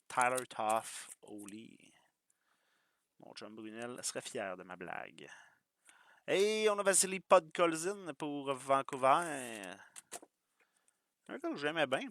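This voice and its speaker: A man's voice: mid-range voice, fairly bright tone, slight background noise. A man with a Quebec French accent hosting a live hockey card break, reading out cards and joking with viewers. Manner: quick, joking, chatty with viewers.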